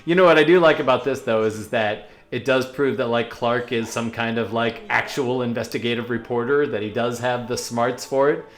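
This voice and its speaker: A man hosts a reaction video, commenting on a cartoon in casual, musing, halting asides. His voice is medium in pitch and steady in tone.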